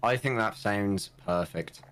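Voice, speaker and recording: A man with a Brummie accent co-hosting a casual podcast, speaking in a laid-back, deadpan way. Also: on the low side, measured pace, clean tone. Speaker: podcast co-host.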